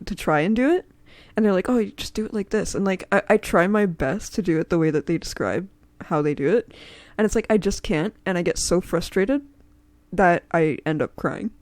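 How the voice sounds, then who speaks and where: A woman's voice: fairly low pitch, normal speed, darkish tone, dry recording. A woman hosting a casual stream chat, rambling with many fillers and frequent giggles. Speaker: streamer and host.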